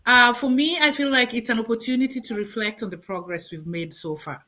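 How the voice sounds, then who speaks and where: A woman taking her turn on a panel, talking hesitantly with many pauses. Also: a little high, bright, forceful tone. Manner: hesitant, many filler sounds. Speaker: panel guest. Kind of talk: casual panel talk.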